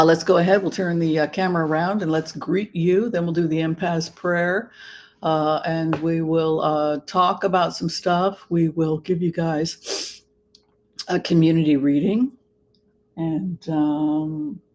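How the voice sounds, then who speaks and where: A livestream host chatting casually with viewers in a theatrical, camp manner, with halting, drawn-out phrasing. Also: mid-range voice, a little mellow, slight background noise. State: allergies, occasional throat clearing. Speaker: livestream host and tarot reader.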